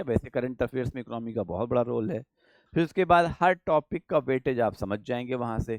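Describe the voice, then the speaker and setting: A man's voice: mid-range voice, a little mellow, no echo, studio quality. A man teaching exam strategy, talking emphatically and asking himself questions that he then answers. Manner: repetitive, emphatic, asks and answers own questions. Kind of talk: Hindi lecture, exam coaching.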